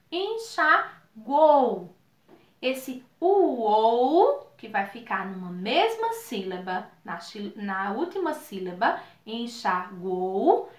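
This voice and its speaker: A Brazilian woman teacher with a high, bright voice gives a slow video lesson to children. Her pitch rises and falls in a lively sing-song as she stretches out each example word. The room around her is echoey.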